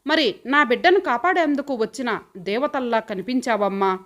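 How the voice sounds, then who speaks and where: A poor young mother who loves her son dearly, from an audio storybook, read by a woman. Her speech is heartfelt and pleading, in a slightly high voice. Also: normal speed, fairly bright tone, close to an everyday voice. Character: poor devoted young mother, tender and tearful.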